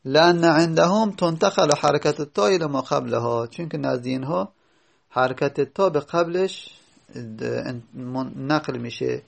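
A man teaching a grammar lesson, explaining step by step and slowly repeating each word form as he goes. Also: fairly high pitch, vocal fry. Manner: reads out lines of a textbook before explaining them.

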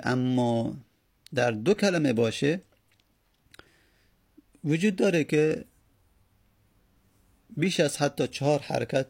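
A man teaching a grammar lesson, explaining slowly and repeating word forms as he spells them out. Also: medium pitch, gravelly, darkish tone, slightly rough. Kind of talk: Arabic grammar lesson in Persian.

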